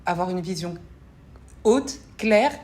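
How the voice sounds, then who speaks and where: An animated yet slow-paced woman with a low, darkish voice reflects in an interview, earnest and searching, repeating words frequently. Shaped by both French and Congolese cultures, she is a parliamentary assistant and founder of an association. Some light background noise is present.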